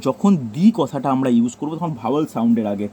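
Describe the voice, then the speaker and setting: Bengali-accented teacher, mellow voice. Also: male voice, medium pitch, fast, slight background noise. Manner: repeats points and tells students to note them down. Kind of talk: classroom grammar lesson.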